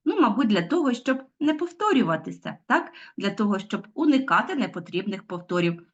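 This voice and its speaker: Middle-aged woman, schoolteacher, questioning her class, muffled lo-fi sound. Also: mid-range voice. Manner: explains step by step, asks pupils questions. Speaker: teacher. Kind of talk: recorded online lesson. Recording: dull lo-fi sound.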